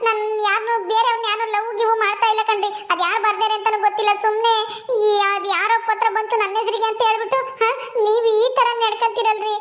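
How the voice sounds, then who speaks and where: Woman playing a young wife begging, very high fast voice, echoey room. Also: flat delivery, fairly bright tone. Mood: pleading. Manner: begging, tearful pleading. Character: pleading young wife, wrongly accused. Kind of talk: village family drama acting.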